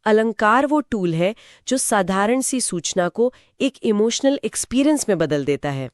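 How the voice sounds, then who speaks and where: A woman co-presenting an exam-prep grammar lesson, explaining terms and examples in an even, affirming way. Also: medium pitch, measured pace, no echo, clean studio sound. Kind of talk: scripted two-voice exam lesson.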